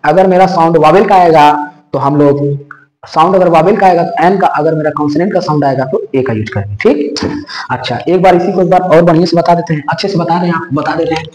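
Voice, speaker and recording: A man's voice: fairly high pitch, fast, a little mellow, roomy sound, slight background noise, poor audio. A man teaching an English grammar lesson, repeating points and checking in with the listeners often.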